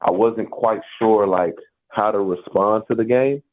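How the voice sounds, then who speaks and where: Low-voiced male radio caller on phone. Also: a little slow. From Nashville area, US South. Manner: emphatic, frustrated fan venting. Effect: caller heard over a phone line. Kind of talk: casual call-in sports talk. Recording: tinny phone line on radio.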